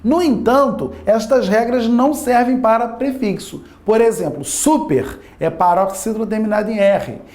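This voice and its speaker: A man's voice: high-pitched, normal speed, a little mellow. A man teaching a Portuguese grammar lesson, constantly asking his listeners rhetorical yes-or-no questions and stretching out key words for emphasis.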